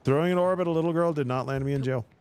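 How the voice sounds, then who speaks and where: A man's voice: a little high, very fast, darkish tone, a little hiss or hum. Playful man narrating his gameplay. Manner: playful, teasing, wry asides. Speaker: let's play host. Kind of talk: casual game commentary.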